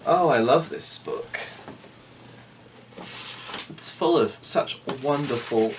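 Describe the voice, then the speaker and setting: A storyteller reads a folk tale aloud in a slow, medium-pitched voice, dramatic in delivery. Between passages he drops chatty, irreverent, sweary asides, recorded from a distance with faint background noise.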